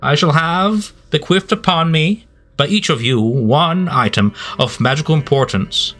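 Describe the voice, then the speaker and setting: Man doing a booming statue guardian. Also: fairly bright tone, soft background music. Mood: demanding. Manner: slow, grand, commanding delivery. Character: booming faceless statue guardian of a temple, demanding. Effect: booming voice echoing from a distant statue. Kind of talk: game master voicing a figure in a tabletop game.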